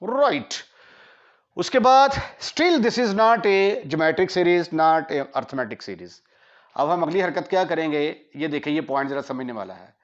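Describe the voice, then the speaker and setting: Pakistani male maths lecturer, slow and deliberate, checks in with "right?", muffled lo-fi sound. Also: on the high side. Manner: slow, mixes Hindi-Urdu with English maths terms; asks students rhetorical checks. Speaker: maths teacher. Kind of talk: classroom lecture. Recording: dull lo-fi lecture audio.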